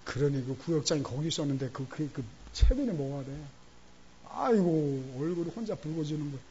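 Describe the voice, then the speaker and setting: A man's voice: fairly high pitch, animated, fairly quick, dark tone, muffled recording, a little hiss or hum. A man preaching a Sunday sermon in a church, telling a story animatedly and acting out the voices of church members. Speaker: pastor. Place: church sanctuary during Sunday service.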